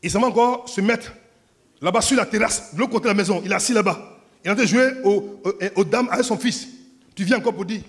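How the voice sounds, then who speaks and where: A man's voice: sits high, fast talker. A man preaching a sermon, telling stories animatedly and acting out scenes. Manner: animated storytelling, acts out scenes, laughs along. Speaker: pastor.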